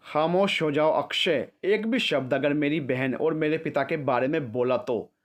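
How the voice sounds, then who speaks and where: Male narrator doing an angry young hero, mid-pitched and accusing. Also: lively intonation, normal speed, natural voice. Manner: shouting accusations. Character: angry young man confronting his enemy.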